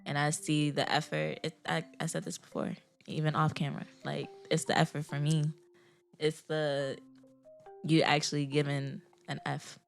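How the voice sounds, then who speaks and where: A woman who designs clothes, chatting as a guest on a talk show, enthusiastic and quick to laugh. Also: low-pitched, level tone, vocal fry, soft background music. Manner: warm, enthusiastic, laughing easily. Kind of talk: casual chat.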